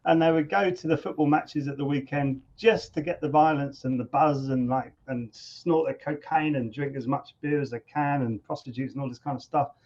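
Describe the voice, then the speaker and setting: Animated man, slightly high voice. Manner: animated, repeats words while thinking. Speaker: guest musician. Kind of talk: conversational interview storytelling. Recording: dull lo-fi sound.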